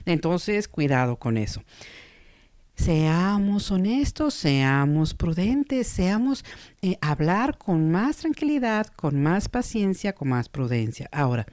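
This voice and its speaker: A woman psychotherapist, teaching calmly and carefully on communication, now and then acting out quoted voices. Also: lowish voice, no room sound, studio quality. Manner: calm, measured, with playful acted quotes.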